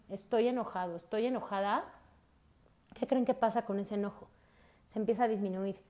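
A woman's voice: on the high side, a little mellow. A woman gives a casual talk on emotions to her listeners. She speaks straight to them and keeps asking rhetorical questions. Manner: speaks directly to listeners, often asks rhetorical questions and adds a tag "¿no?". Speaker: host of an emotional wellbeing talk.

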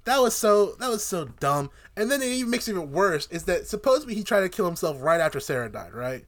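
A young man holds forth as a podcast co-host, his pitch swinging widely and sitting a little high. He rants casually about TV, profane and joking. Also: very animated, fast. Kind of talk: casual TV review chat.

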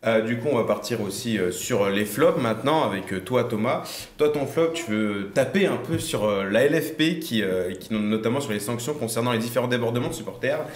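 A man's voice: medium pitch, lively intonation, a little fast, roomy sound. A man hosting a football panel show, introducing segments and handing over to guests. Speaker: host.

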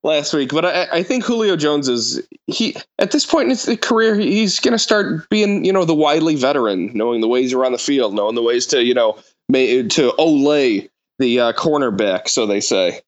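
Wry mid-pitched man on a podcast mic. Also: lively intonation, normal speed, few pauses. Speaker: podcast co-host. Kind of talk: casual sports podcast banter and analysis.

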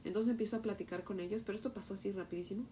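A woman's voice: mid-range voice, very fast, a little hiss or hum. Mexican woman telling a story in a sermon. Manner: storytelling, animated retelling, asks "¿verdad?". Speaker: Bible teacher. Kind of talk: Bible teaching with a personal story.

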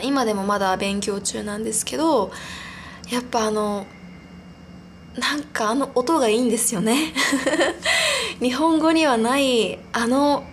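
A young woman in her twenties hosts a relaxed solo podcast, her voice sitting a little on the high side. She rambles along in a chatty, giggly way, often poking fun at herself as she talks. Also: a little hiss or hum. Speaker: podcast host. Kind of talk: casual solo podcast monologue.

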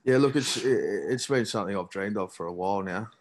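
Deep laconic Australian man. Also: quick pace. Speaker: podcast guest, amateur footballer. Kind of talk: casual chat.

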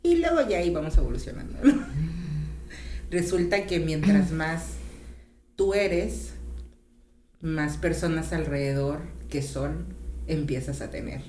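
A woman's voice: deep voice, animated, unhurried, pauses often, darkish tone. A middle-aged woman in casual conversation, acting out quotes in exaggerated voices. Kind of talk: casual chat. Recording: echoey room with faint noise.

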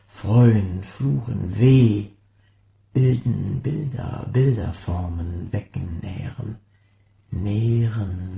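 Guy doing a dramatic poem reading, dark mellow voice, swings loud then whispery, echoey room. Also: medium pitch. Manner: drawn-out words, sudden swings from loud calls to breathy whispers. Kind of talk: dramatic poetry recitation. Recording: roomy echo.

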